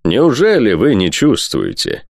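A man's voice: fairly low pitch, wildly swooping pitch, measured pace, vocal fry, no echo, voice pushed up, full character voice. A man voicing a cold, scheming aristocratic lord who lectures in a polished, condescending way in an audiobook.

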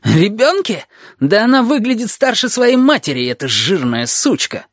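A reader puts on a furious female teacher from an audiobook, her raised voice leaping high and low as she rants. She spits out indignant complaints. The sound is close and dry. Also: very animated, normal speed, a little mellow, dry recording, close to an everyday voice. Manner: indignant, fuming. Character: irritable, sharp-tongued female teacher. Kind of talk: audiobook character voice.

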